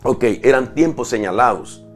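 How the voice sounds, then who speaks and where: A man's voice: medium pitch, animated, normal speed, soft background music. A man preaching a sermon-style Bible lesson, explaining step by step with restarts and rhetorical questions. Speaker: apostle preaching.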